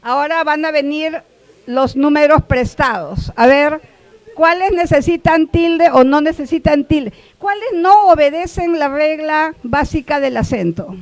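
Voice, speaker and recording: A woman teaching a workshop class, who keeps checking in with the listeners and repeats example words slowly. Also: high voice, no echo, poor audio. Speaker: workshop instructor. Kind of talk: classroom explanation.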